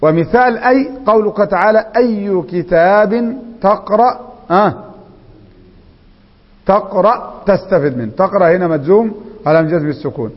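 Man, Egyptian accent, classroom lesson, slow drawn-out recitation, dull lo-fi sound. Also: sits high, lively intonation. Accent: Egyptian Arabic. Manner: quizzing students, slow drawn-out recitation of examples. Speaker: Arabic grammar teacher. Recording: echoey hall, dull lo-fi sound.

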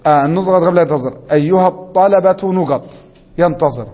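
A man's voice: a little high, fast, long reverb tail, muffled recording. A man with an Egyptian accent teaching a grammar lesson, prompting students with questions and reading rules aloud. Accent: Egyptian Arabic.

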